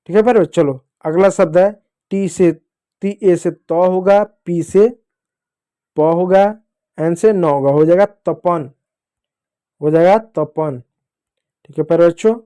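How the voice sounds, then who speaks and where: A man with a fairly high, mellow voice teaches a children's spelling lesson. He takes his time, working through each letter step by step and repeating himself patiently.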